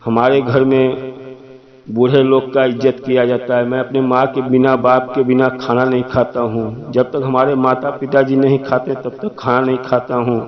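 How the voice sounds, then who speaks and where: A man's voice: mid-range voice, muffled recording, lightly acted. A man voicing Rajesh, an indignant upright son-in-law. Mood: pleading.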